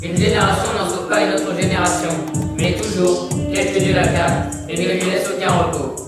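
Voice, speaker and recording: A stage performer playing a grave chorus member in an amateur Greek tragedy, lamenting in a solemn, measured way. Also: mid-range voice, flat delivery, close to an everyday voice. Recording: very echoey hall, distant mic, loud music. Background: loud music.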